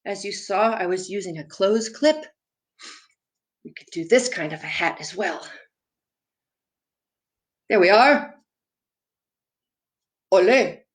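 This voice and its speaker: In an expressive, mid-range voice, a little slow and full of frequent pauses, this woman, a storyteller and theatre performer for children, walks young viewers through her props and puppets in simple language and asks them questions.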